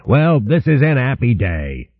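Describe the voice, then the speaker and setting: A man's voice: mid-range voice, sing-song, measured pace, no room sound, pitched above the performer's own voice. A man voicing a cheery, sturdy male otter who drops his h's and uses sailor slang. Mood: hearty. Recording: thin phone-like dry sound.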